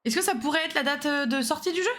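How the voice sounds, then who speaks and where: Woman streamer, fairly high voice, casual puzzle chat, talks her reasoning out loud, argues back and forth. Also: fast. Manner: thinking aloud, bickering with a co-player.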